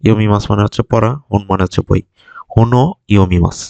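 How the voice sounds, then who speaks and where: Man, Bengali first language, vocabulary teacher, patient, repeats each word, low voice, dry close sound. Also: steady tone, quick pace, vocal fry, darkish tone, clean tone, no room sound, muffled recording. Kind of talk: vocabulary lesson, explaining words.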